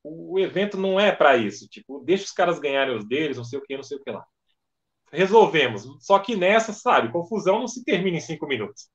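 A man, a podcast guest and event organizer, telling stories in lively fashion and acting out dialogue. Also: on the high side, fast. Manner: animated storyteller acting out dialogue. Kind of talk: casual podcast storytelling. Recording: dull lo-fi podcast audio.

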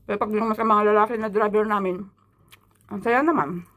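A middle-aged woman from the Philippines talks with her mouth full, chewing between words as she gossips through a mukbang. Her voice sits at an ordinary pitch for a woman. She is chatty and easygoing. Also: steady tone, a little fast, fairly bright tone. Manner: chatty, gossipy, laughs often. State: talking while chewing. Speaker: vlogger. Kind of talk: casual mukbang vlog chat.

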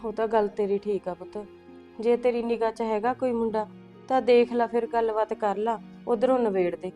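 A woman playing a calm, soothing village mother. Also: fairly high pitch, fairly quick, faint music behind, lightly acted. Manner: calm, coaxing, keeps calling her children "son".

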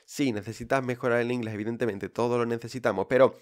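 A man with a Spain Spanish accent talks straight to his listeners in a casual podcast monologue. His voice sits at an ordinary middle pitch, and his delivery is direct and reassuring, with frequent fillers. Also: steady tone, fast. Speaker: podcast host.

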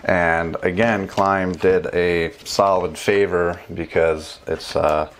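In his thirties and vlogging about motorcycle travel, this man demonstrates a gear install casually from his home desk in a small room with bookshelves. His low-pitched voice is slow and fairly even in intonation, and a little hiss or hum can be heard. He's chatty, with fillers and restarts.

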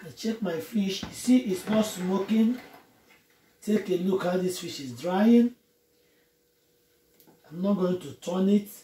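A woman's voice: lowish voice, warm tone. A woman vlogging a cooking tutorial from her home kitchen, chatting through each step to her viewers. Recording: roomy kitchen echo, faint noise.

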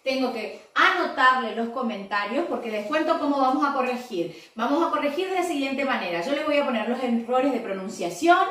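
High-voiced teacher in an echoey room. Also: female voice, a bit bright. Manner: explains step by step, often checks with "¿sí?". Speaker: English teacher. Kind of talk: recorded online class for young pupils. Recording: very echoey room, voice far from the mic.

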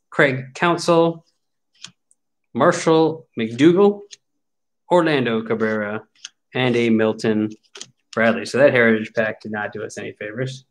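Wry, chatty man in his forties. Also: mid-range voice. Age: 40s. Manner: wry, chatty, grumbling jokingly at packs. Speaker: card break host. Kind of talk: casual card-opening commentary.

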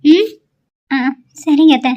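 A woman's voice: high-pitched, expressive, takes it slowly, mellow, highs cut off. A woman voicing a frightened young newlywed wife in a cartoon, pleading and apologetic as she cries. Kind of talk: cartoon voice acting.

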